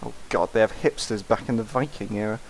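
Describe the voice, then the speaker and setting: A man's voice: on the low side, quick pace, a little hiss or hum, low-quality recording. A man commenting on a video game as he plays, rambling and mumbling in a self-mocking way. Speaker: let's play host. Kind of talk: casual gameplay commentary reading game dialogue aloud.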